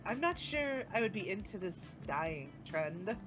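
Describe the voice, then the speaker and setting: A woman voicing a spoiled, haughty royal princess with quick, prim aristocratic patter. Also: medium pitch, big pitch swings, music in the background. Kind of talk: reading game dialogue aloud on a stream.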